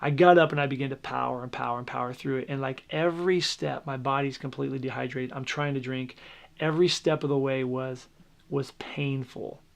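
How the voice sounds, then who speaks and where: A pastor telling his story in a documentary interview, candid and halting, often restarting his sentences. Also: mid-range voice, steady tone, vocal fry.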